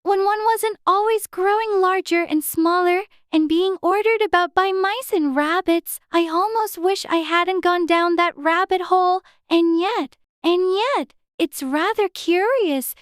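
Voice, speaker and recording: A man's voice: extremely high pitch, unhurried, hardly any pauses, fairly bright tone, no room sound, clean studio sound, pitched above the performer's own voice. Alice, a prim little girl, as a man puts her on. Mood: wondering. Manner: prim, wondering, talks to herself. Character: curious, chatty little girl, polite and fretful.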